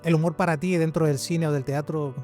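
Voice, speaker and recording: A man hosts a podcast interview, asking questions in a mellow, relaxed voice. He keeps the talk going with short, encouraging replies. Faint music plays behind him. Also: on the high side, brisk. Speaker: podcast host.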